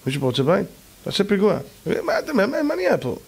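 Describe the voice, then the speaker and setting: A man preaching as a rabbi, his voice sitting a little high. He tells stories with lots of exclamation, acting out the voices of the people in them and turning again and again to address his listeners directly. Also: gravelly, slightly rough. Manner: animated, acts out quoted voices, exclamatory. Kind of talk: storytelling sermon.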